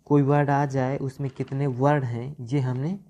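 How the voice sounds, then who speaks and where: A man's voice: mid-range voice, level tone, mellow. A man teaching a grammar lesson, spelling words out syllable by syllable and checking in with "okay" after almost every point. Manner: slow, repeats syllables and checks "ठीक" often. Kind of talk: Hindi grammar lesson at a board. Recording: dull lo-fi sound.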